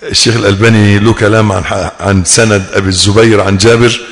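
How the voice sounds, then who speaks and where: A man with an Egyptian Arabic accent preaching a sermon, acting out people's wishes and shouting at times. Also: fairly low pitch, quick pace. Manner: animated, acts out listeners' wishes, shouts at times. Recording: long hall reverb.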